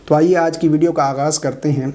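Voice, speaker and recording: A man, middle-aged, giving a brisk explanatory online lesson on correct recitation, pausing with drawn-out 'aa' sounds. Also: fairly high pitch, fairly even intonation, mellow. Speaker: religious teacher of prayer recitation.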